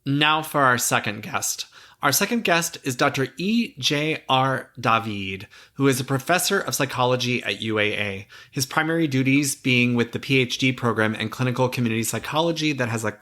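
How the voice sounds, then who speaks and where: A man's voice: mid-range voice, animated, moderate pace, bright, forceful tone. A man hosting a podcast who reads guest introductions carefully and asks plain follow-up questions. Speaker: podcast host. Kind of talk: podcast interview.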